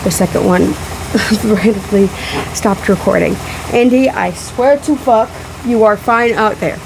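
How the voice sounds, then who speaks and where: A woman vlogging a casual, emphatic rebuttal in halting phrases, sounding sick, emotional and a little out of breath, with a fan running in the room. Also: mid-range voice, vocal fry. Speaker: vlogger responding to a video. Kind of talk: casual rebuttal vlog to camera. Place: room in a house. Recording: loud fan noise in room. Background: fan running in the background.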